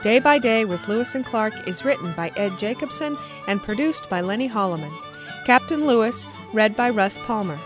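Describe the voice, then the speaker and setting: A woman's voice: mid-range voice, lively intonation, moderate pace. A woman announcing the scripted title and credits of a radio series. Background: fiddle music.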